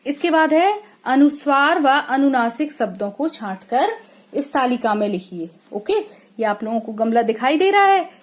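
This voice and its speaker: Slow-speaking Indian woman teacher. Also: on the high side. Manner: slow and drawn out, checking in with frequent "okay?"; stretches out sample words for children to repeat. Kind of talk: classroom lesson explanation.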